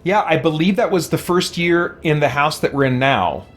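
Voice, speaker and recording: This game streamer and YouTuber has a voice on the high side, a bit bright, at a moderate pace. As he plays on his livestream, he rambles informally, thinking out loud and reading and replying to his chat.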